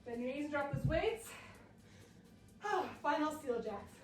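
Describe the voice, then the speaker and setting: A high-pitched woman coaches a workout while exercising alongside. She sounds winded and encouraging. The recording is roomy, and she sits back from the mic. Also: lively intonation, takes it slowly, distant mic. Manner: encouraging, breathless between exercises. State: out of breath. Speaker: fitness coach. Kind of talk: workout instruction.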